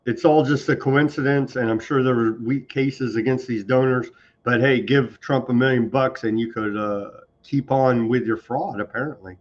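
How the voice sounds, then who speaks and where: A man's voice: mid-range voice, fairly even intonation, normal speed, dull audio. A man hosting a news talk show, reading headlines and adding wry asides. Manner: reads headlines, then adds wry asides.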